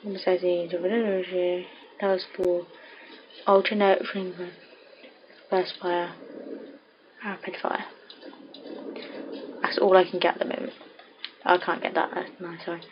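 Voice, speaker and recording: A woman's voice: fairly low pitch, level tone, moderate pace, long pauses. A young English woman giving casual, self-deprecating commentary while playing a game at home, talking to herself. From England. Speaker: let's play gamer. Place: home room. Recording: dull lo-fi mic with clear noise.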